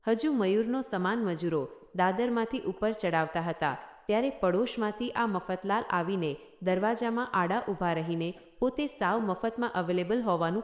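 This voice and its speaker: A woman narrates a humorous story in a steady, scripted way. Her voice sits at a middle pitch. The recording has a noticeable echo from the room. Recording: echoey room.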